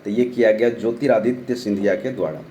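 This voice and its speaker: Fast and fairly low, the dark, mellow voice of a young Bihari man with a sore throat carries an online current-affairs lesson. He reads out each question, answers it, and repeats the important names, with faint background noise.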